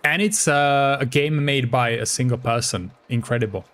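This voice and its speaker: A man's voice: medium pitch, moderate pace, fairly bright tone. A man from the Czech Republic, speaking English with a Czech accent as a chatty, playful streamer who often laughs while commenting on his gameplay.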